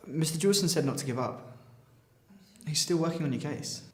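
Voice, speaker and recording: Guy doing a pleading young son, quick talker, echoey room. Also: fairly high pitch, natural voice. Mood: hopeful. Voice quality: earnest and pleading. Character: devoted adult son, earnest and pleading. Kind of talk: drama acting.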